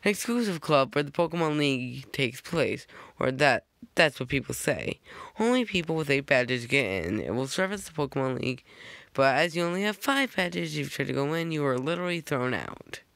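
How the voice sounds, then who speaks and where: A man's voice: on the high side, expressive, normal speed, creaky, fairly bright tone, no echo. A man casually narrating a fan-made slideshow, rambling with jokey asides and frequent self-corrections on a close microphone.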